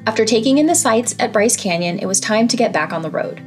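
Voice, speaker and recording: A woman's voice: a little high, fast talker, over music. Woman narrating a travel voice-over. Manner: calm, informative travel-guide delivery. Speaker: travel vlogger narrating a road trip.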